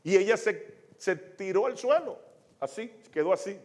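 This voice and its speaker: A man's voice: high voice, animated, moderate pace, darkish tone. A male pastor preaching a sermon, telling a testimony with many restarts and acting out the quoted lines.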